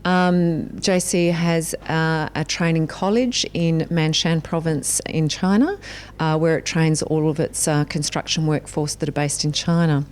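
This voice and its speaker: Low-voiced woman company spokesperson. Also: fairly even intonation, measured pace, a little mellow. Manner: composed, starting with "um". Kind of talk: formal business interview.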